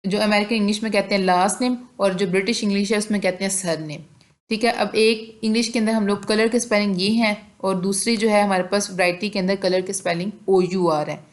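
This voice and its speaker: Woman slowly explaining a linguistics lesson. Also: mid-range voice. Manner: reads English definitions slowly, explains them in Hindi-Urdu. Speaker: teacher. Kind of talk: lecture on linguistics, reading definitions.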